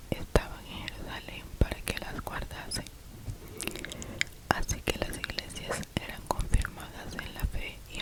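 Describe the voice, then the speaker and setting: A person reading scripture as ASMR in a cupped-hand whisper, very close to the mic as if into the ear. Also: rough recording. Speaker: ASMR reader. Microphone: very close to the mouth.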